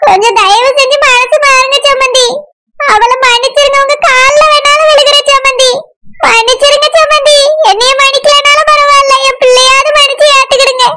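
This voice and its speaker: A woman's voice: extremely high pitch, steady tone, brisk, pushed and bright. A woman voicing a desperate older mother who begs her daughter's in-laws for forgiveness in a Tamil cartoon. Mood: pleading. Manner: begs and repeats terms of respect.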